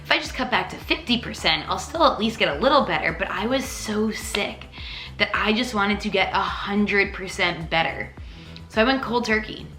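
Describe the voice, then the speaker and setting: A woman's voice: medium pitch, lively intonation, normal speed, sharp tone. A woman in her twenties from Long Island telling a personal story to camera, emotional and rambling with lots of "like". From Long Island, New York. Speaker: vlogger. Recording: echoey room with faint music.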